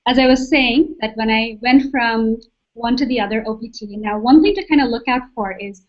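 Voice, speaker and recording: A soft-spoken young woman from Saudi Arabia, speaking as a guest and calmly explaining her own experience. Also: a little high, normal speed. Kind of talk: webcast talk. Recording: dull lo-fi webcast audio.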